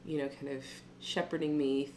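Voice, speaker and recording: A woman's voice: rumbling low, level tone, moderate pace, a little mellow, a little hiss or hum. A woman co-hosting a casual chat, blunt and teasing, with a wry way of talking. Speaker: co-host.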